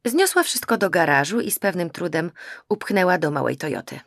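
A woman narrating a novel in a steady, even storytelling manner. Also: lowish voice, moderate pace, vocal fry, dry recording, clean studio sound. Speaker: audiobook narrator. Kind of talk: scripted narration.

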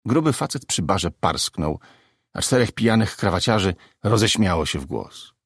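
A man narrating an audiobook story expressively, in a lively storytelling manner. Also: low voice, moderate pace, slightly rough, no echo, clean studio sound.

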